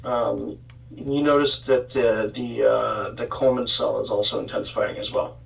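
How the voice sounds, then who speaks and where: A man with a creaky, gravelly voice and fairly flat intonation gives casual live weather updates. He speaks haltingly and unscripted, as a co-host would, and sits a little away from the microphone. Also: mid-range voice. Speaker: severe weather livestream co-host. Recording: distant mic.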